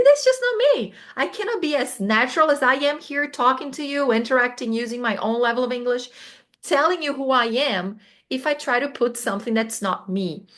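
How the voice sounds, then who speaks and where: Chatty Brazilian woman teaching English. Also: on the high side. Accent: Brazilian Portuguese. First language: Portuguese. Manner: chatty, lively, with many restarts and asides. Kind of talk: casual spoken lesson.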